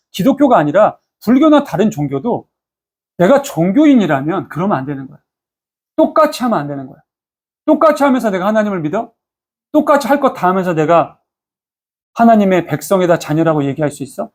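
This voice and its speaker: In a church, a male pastor with a high-pitched, slightly mellow voice delivers a Sunday sermon. He speaks conversationally, telling stories and often turning to address the congregation.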